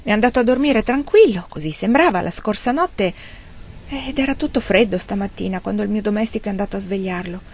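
A woman reading the lines of a wry, grieving old gentleman in an audiobook, with a rambling, self-mocking manner. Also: mid-range voice, expressive, brisk.

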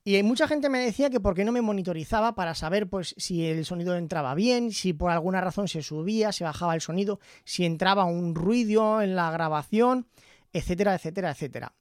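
A man from Zaragoza, Spain, chatting casually into a studio microphone as he reviews his headphones, often tagging his phrases with a quick question. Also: high-pitched, no echo. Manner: chatty, tags phrases with "¿vale?". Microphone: studio microphone in front of him.

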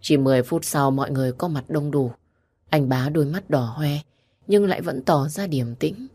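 A woman's voice: normal speed, dark tone, breathy edge. A woman narrating a family story aloud. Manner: reads every character herself, rising to high-pitched cries for the grieving.

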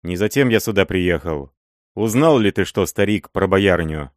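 A man's voice: low-pitched, lively intonation, moderate pace, no room sound, studio quality. A man voicing a stern, jealous, hot-tempered prince who barks commands in an audiobook. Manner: commanding, harsh.

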